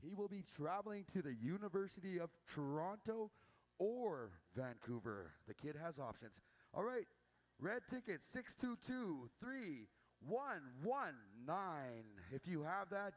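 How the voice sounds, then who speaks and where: Male powwow emcee, high voice, informal announcer delivering notices and numbers from an outdoor booth. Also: expressive, normal speed. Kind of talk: casual powwow emcee announcements and raffle calls.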